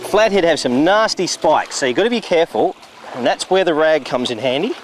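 Excitable Australian fishing host outdoors. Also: male voice, on the high side, brisk, faint music behind. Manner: excitable, whoops when fish strike. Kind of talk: on-location fishing demonstration. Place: outdoors on a river beach.

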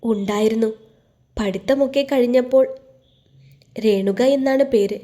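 A nervous young husband speaks in a soft, intimate murmur, as a woman narrator puts him on. The voice is mellow and warm rather than bright, pitched somewhat high. This is storybook romance told in one reader's voice. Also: unhurried, lightly acted. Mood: hesitant.

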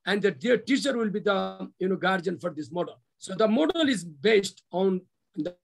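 A middle-aged man with a Nepali accent presenting slides on a video call in halting, repetitive phrases. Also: sits high, lively intonation, gravelly. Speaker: university official presenting a development plan. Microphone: video call microphone.

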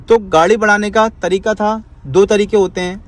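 High-voiced male driving instructor. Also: fairly even intonation, normal speed. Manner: instructive, repeats commands, tags lines with "ठीक है". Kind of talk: in-car driving lesson. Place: inside a car on the road.

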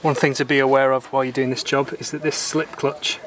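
In a garden workshop outdoors, a calm sailor from Britain explains his boat repair step by step while working, talking a little fast. His mid-range voice is flat, and there's slight background noise. His manner is methodical, plain-spoken and mildly opinionated.

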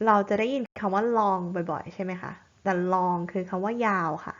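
A woman tutor leads a vocabulary quiz in a mid-pitched voice, patient and clear as she spells out each word. The sound is a bit dull and lo-fi. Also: steady tone. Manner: patient, explains words slowly and clearly.

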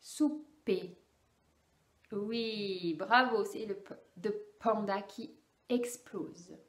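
A woman's voice: mid-range voice, slow, fairly bright tone, reverberant. A woman speech therapist explaining and carefully demonstrating speech sounds for parents in an instructional video.

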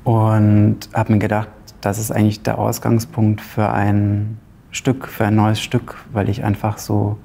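There's a little hiss or hum on this lapel-mic recording from a large, ornate hall. The speaker, a Romanian playwright in his thirties, has a lowish, creaky, mellow voice and a Zipser German dialect. He answers interview questions tentatively, with frequent pauses and fillers.

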